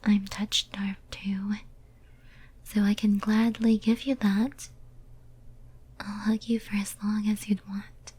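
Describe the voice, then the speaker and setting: A woman with a mid-range voice and level tone whispers softly and breathily in an ASMR roleplay, playing a lonely, devoted, possessive female demon. Her tender, yearning delivery is clingy, intimate, slow and halting.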